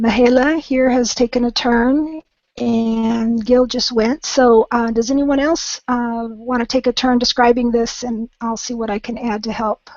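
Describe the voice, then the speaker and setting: A woman's voice: a little high, darkish tone, no room sound, dull audio. A woman teaching a live online English class, patient and encouraging, with many ums.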